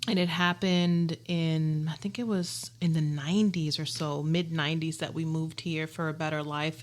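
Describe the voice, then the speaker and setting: A woman in her forties from Puerto Rico, a guest chatting casually on a podcast, playful and teasing. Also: on the low side. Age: 40s. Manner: playful, teasing, laughs easily. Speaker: podcast guest, host's wife.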